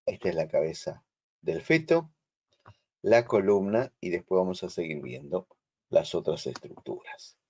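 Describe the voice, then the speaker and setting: A man with a Rioplatense Spanish accent giving a slow, explanatory online lecture and checking that his students follow. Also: sits low, lively intonation, darkish tone, lo-fi sound, a little hiss or hum. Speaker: instructor. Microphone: video call.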